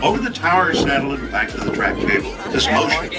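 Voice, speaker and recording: A man giving scripted tram tour narration over the intercom in a smooth, informative delivery. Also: mid-range voice, big pitch swings, quick pace, over loud music, a loud crowd. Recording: distant cabin loudspeaker.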